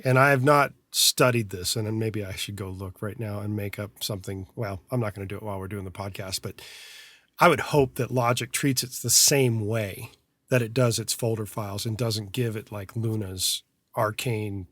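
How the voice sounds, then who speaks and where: In a studio, a man who mixes and co-hosts a podcast about mixing chats casually, tossing in dry, sarcastic asides about how fussy he is with his files. His voice is lowish with a sharp tone, and there's no room sound.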